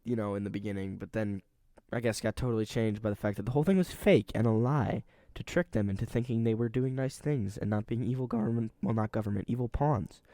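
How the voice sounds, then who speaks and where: A man co-hosting a casual movie review podcast, talking in a rambling, animated way with lots of fillers, close to the mic. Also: on the low side, fast talker, hardly any pauses, no room sound. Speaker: podcast co-host.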